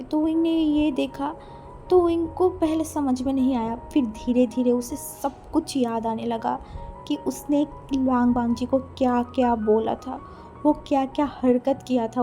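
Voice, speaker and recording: High-voiced woman narrating a story. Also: warm tone. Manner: chatty, repeats words and restarts. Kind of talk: casual fan-fiction narration.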